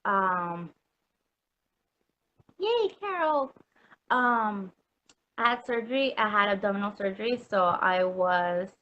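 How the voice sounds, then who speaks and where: A Puerto Rican woman appears as a customer guest in a casual interview chat, speaking with a medium-pitched, sharp-toned voice. She fills her talk with ums and likes and laughs easily, and the audio is lo-fi.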